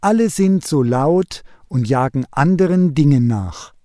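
A man voicing a small, discontented male sparrow who keeps wishing to be something else, in a lively storybook reading. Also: a little high, a little slow, no echo, clean studio sound. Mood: plaintive.

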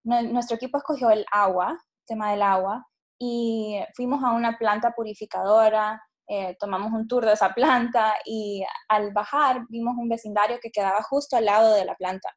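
A woman's voice: on the high side, steady tone, moderate pace. A woman in her late twenties from Honduras, answering interview questions reflectively, with many fillers and restarts. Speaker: guest, startup CEO.

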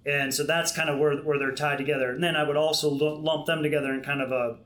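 Man, middle-aged, measured, restarts often, interview guest. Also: a little high, steady tone, fairly bright tone. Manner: measured, explanatory, many restarts and fillers. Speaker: Marine Corps program manager, guest. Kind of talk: podcast interview.

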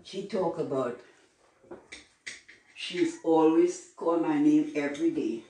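A Trinidadian woman talks in a teasing, playful way in her home kitchen. She stands a little off the mic, and her voice bounces around the room over steady background noise. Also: low voice, slow pace. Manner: teasing, laughing dialect speech. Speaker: home baker and guest. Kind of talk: casual kitchen chat. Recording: roomy, distant, noisy room.

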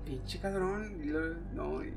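A Mexican man with a high voice chats casually in a podcast, full of slang and swearing. He tells anecdotes and acts out other people's lines. Faint music plays underneath. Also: measured pace, gravelly. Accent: Mexican Spanish. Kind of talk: casual chat.

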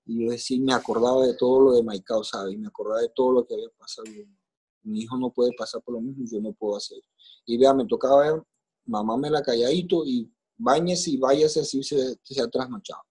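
Telling his life story in a casual interview, a middle-aged guest with a Colombian accent is emotional and plainspoken, leaning on coarse slang and repeated phrases. He speaks briskly at a medium pitch with a steady, mellow, husky tone.

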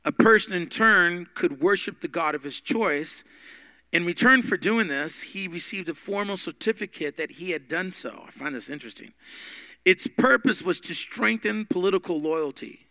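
A man teaching a Bible study podcast, emphatic, with big swings in loudness. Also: high voice, animated, normal speed, dry recording.

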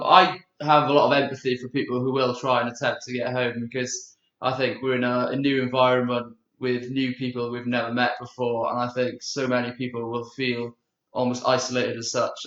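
Young man, flat and echoey. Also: medium pitch, a little fast. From Swansea, Wales. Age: young adult. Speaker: student interviewee. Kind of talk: radio interview answers. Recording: dull, echoey lo-fi sound.

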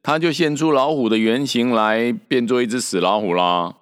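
A man's voice: mid-range voice, moderate pace, clear, resonant tone, in a large hall, voice pushed up, close to an everyday voice. A man voicing a brash, impatient male monkey king in a storybook reading, cocky and dismissive. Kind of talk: storybook character voice.

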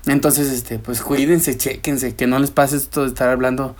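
Animated Mexican podcast co-host. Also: mid-range voice, moderate pace, crowd noise. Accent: Mexican Spanish. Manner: animated storyteller, acts out quoted voices. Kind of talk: casual chat.

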